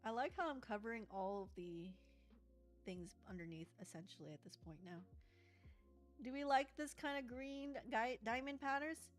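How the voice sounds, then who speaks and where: A woman's voice: a little high, moderate pace, soft background music. A young woman chatting casually and playfully while she crafts in her journal, joking and giggling as she talks to viewers. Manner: playful, giggly, sings snatches of songs.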